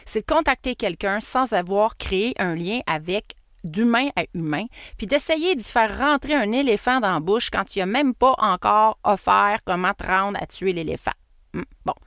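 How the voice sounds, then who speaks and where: A woman with a Québécois accent, hosting a casual solo podcast in a chatty, animated way and laughing at herself. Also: medium pitch, moderate pace, no room sound, clean studio sound. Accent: Québécois French. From Quebec. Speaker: podcast host and marketing coach.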